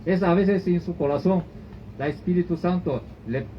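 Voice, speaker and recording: A man preaching a sermon as pastor, in halting phrasing that often restarts and repeats. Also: sits high. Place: church service. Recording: dull lo-fi recording with faint noise.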